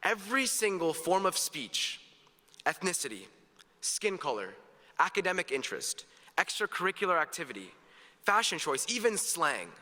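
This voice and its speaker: Teen guy giving his graduation speech, bright lively voice, kinda high, big reverby hall. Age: teens. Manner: earnest, upbeat, with jokes. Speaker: graduation speaker. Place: large hall. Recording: echoey hall, long reverb.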